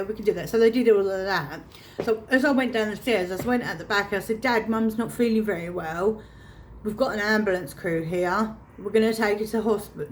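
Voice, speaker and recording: A woman telling a painful personal story to camera, halting and restarting her phrases as she holds back emotion. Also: mid-range voice, slight background noise. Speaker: vlogger.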